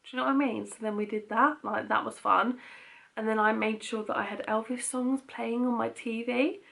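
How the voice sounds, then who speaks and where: Creaky-voiced young British woman, chatty. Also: a little high, fairly even intonation, moderate pace, a bit bright. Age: young adult. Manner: candid, rambling, frequent "like". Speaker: vlogger. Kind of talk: casual chatty Q&A to camera.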